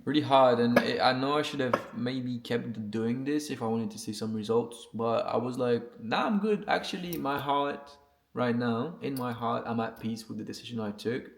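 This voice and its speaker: Medium-pitched with vocal fry and a moderate pace, this man speaks English as a second language. He's a vlogger and music producer talking loosely to camera, earnest yet slangy and foul-mouthed, with frequent check-ins.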